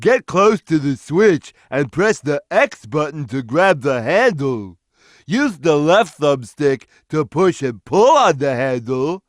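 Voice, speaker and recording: A man voicing a big, gentle, simple-minded cartoon cat who explains things slowly and plainly, as a video game character. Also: a little high, very animated, no room sound, studio quality. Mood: friendly, earnest. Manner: slow, simple, deliberate instructional delivery. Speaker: video game character giving tutorial hints. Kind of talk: scripted game tutorial voice lines.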